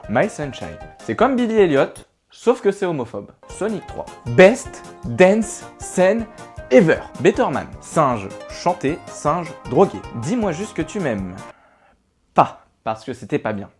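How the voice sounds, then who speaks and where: A young man giving a rapid-fire comic recap of films, with sarcastic, punchy one-liners. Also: medium pitch, a little mellow. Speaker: film reviewer.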